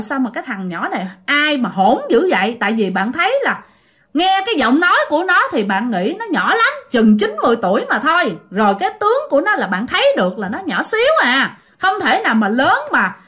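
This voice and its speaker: A chatty woman with a Southern Vietnamese accent retells listener-sent ghost stories. Her voice sits a little high and moves with lively, animated pitch. She repeats phrases and speaks straight to her listeners. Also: fast talker. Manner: chatty, repetitive, addresses listeners directly. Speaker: storyteller host.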